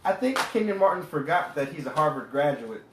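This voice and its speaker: A man's voice: a little high, sing-song, fairly quick, crowd noise. A man co-hosting a casual basketball talk show, playful and fond of repeating phrases for emphasis. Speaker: co-host. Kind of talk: casual sports chat. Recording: echoey room, mic set back.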